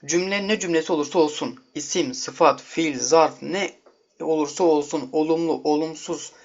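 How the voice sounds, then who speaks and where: A man's voice: fairly high pitch, moderate pace. A man teaching an online video lesson, patiently explaining and addressing viewers as friends. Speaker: language teacher. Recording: dull lo-fi audio.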